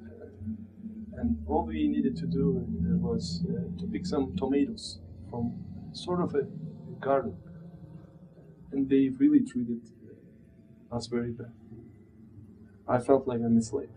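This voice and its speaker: His voice is mid-range and steady as this Turkish immigrant in his thirties reflects on his life in an interview, speaking haltingly and searching for the right words in accented speech. The recording, made in a small plain room, is dull and muffled, with background room noise.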